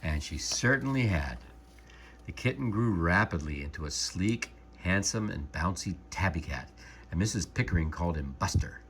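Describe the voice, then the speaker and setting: A man calmly and gently reading a storybook aloud as narrator. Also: low voice, a little hiss or hum. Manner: calm, gentle, measured narration.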